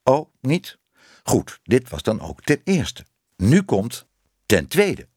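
A man's voice: medium pitch, huge pitch swings, slow, a little mellow, husky, dry recording, clean studio sound, full character voice. A man voicing a talkative male factory cat who is eager to pass on gossip and news. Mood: chatty. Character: chatty male factory cat smelling of violets.

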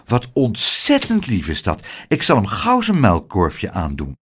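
A man voicing a kindly, soft-spoken woman in a storybook reading. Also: fairly low pitch, wildly swooping pitch, unhurried, breathy edge, pitched below the performer's own voice, heavily acted. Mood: friendly.

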